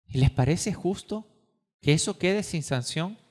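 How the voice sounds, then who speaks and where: A pastor preaches in a high, ringing male voice. He builds to loud, urgent peaks and then drops to near-hushed lines, pressing his listeners with question after question. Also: animated, measured pace. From Venezuela. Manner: impassioned, swings between loud and hushed, rhetorical questions. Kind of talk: sermon. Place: church.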